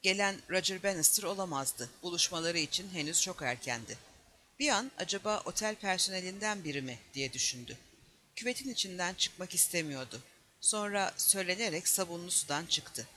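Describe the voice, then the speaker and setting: A man reading a novel aloud as an audiobook, in a steady, measured narration that lightly voices the dialogue. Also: high voice. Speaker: audiobook reader.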